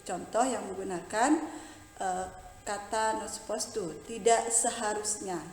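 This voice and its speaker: A woman teaching English with an Indonesian accent, explaining patiently and slowly in a mix of English and Indonesian. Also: medium pitch, a little mellow, reverberant, in a large hall, soft background music, low-quality recording. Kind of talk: bilingual classroom lesson.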